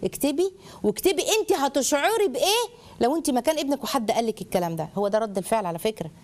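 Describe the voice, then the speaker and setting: A woman with an Egyptian accent giving a parenting lecture. She is animated, addresses her listeners directly and acts out examples as she goes. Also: fairly high pitch, rapid-fire. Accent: Egyptian Arabic.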